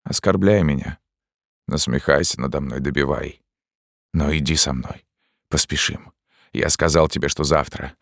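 A man with a deep voice reading an audiobook and playing a desperate, obsessive priest who begs passionately and bursts out in despair. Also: fairly even intonation, normal speed, gravelly, long pauses, dry recording, clean studio sound. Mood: pleading. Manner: pleading, passionate, with outbursts. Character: tormented middle-aged priest, desperate and obsessive.

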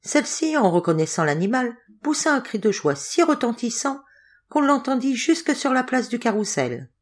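Woman narrating a storybook, lively melody. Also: fairly high pitch. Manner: expressive, measured. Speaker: audiobook reader.

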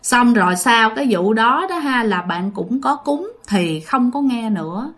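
A woman with a Southern Vietnamese accent narrating a ghost story in casual, conversational style. Her voice sits a little high and swoops expressively. She speaks straight to her listeners. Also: a little slow. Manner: animated, chatty, addresses listeners directly.

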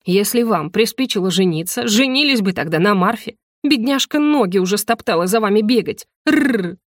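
A woman voicing a hot-tempered young noblewoman who snaps back in indignant, sharp retorts, read for a storybook audiobook. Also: medium pitch, lively intonation, a little fast, no echo, studio quality, natural voice.

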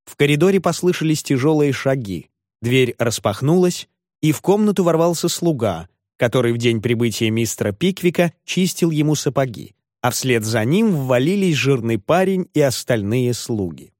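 A man reads a classic novel aloud as audiobook narration, slipping into voices for the characters. His pitch is middling. The sound is dry and close, with no room echo. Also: expressive, normal speed, a little mellow.

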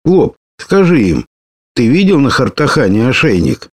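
A man voicing a lively, bold young woman warrior who talks brashly and teases. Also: mid-range voice, normal speed, dry recording, clean studio sound, voice pushed up. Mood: indignant. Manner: brash, teasing, excitable.

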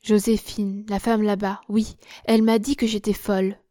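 A woman reading the part of a frightened, dazed young woman, speaking in a halting, dry, nervous way. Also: medium pitch, little pitch movement, warm tone, dry recording, natural voice. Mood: distressed.

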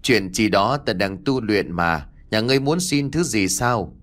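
Aloof male spirit god read by a man in an audiobook: deep, slow, curt and commanding. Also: animated, fairly bright tone. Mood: haughty.

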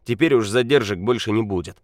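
A man voicing a drunk, boastful quarry owner who slurs and shouts. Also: on the low side, a little fast, dry recording, studio quality, pitched above the performer's own voice, lightly acted. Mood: drunk, loud. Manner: slurring, shouting, swaggering.

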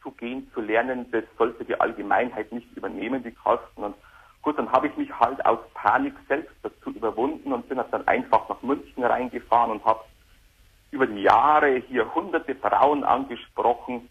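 Husky man on a speakerphone. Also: medium pitch. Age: 30s. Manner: hesitant, halting, repeats words. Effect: on a speakerphone headset. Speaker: caller. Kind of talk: call-in radio conversation. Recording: dull lo-fi phone line.

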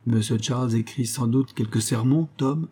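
A man reading aloud and voicing a brisk, teasing male friend in a husky, dark voice. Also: mid-range voice, pitched above the performer's own voice, natural voice. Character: cheerful mischievous middle-aged male friend.

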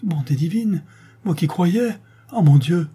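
Guy reading doing a soft tearful ex-con, pleading, husky and dark, a bit higher than his own voice. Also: expressive, measured pace, full character voice. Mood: bewildered. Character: gentle grieving former convict man.

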